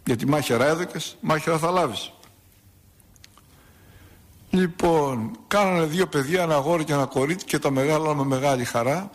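A priest giving a sermon, telling a saint's story and acting out its dialogue, with rhetorical questions. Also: male voice, fairly high pitch, long pauses.

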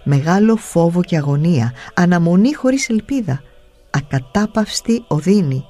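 A solemn male monk, gentle and unshakable, preaches in a slow, measured voice that sits a little high, as a male narrator gives him voice. Faint music runs underneath the storybook telling. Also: lively intonation.

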